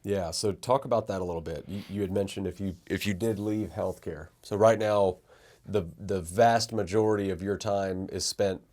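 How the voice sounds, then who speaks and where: A man hosting a podcast interview, asking relaxed, reflective questions. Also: low voice, moderate pace. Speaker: podcast host. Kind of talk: interview conversation.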